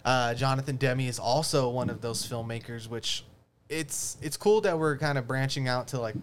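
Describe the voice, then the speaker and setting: A man's voice: medium pitch, normal speed, smooth. Casual man chatting about films. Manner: relaxed, rambling with fillers. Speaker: podcast host. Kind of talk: casual film discussion.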